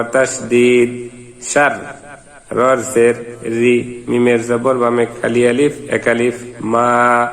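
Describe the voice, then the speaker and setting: Man teaching slow Quran recitation. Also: medium pitch. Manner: spells out letters and vowel marks one by one, then chants the verse slowly. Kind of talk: step-by-step recitation lesson.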